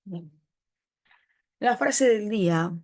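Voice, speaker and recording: A woman's voice: lively intonation, very slow, a little mellow. A woman teaching an online prep class, greeting students by name and calling them "chiqui" in a casual, affectionate way. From Peru. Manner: acts out quoted relatives in higher voice.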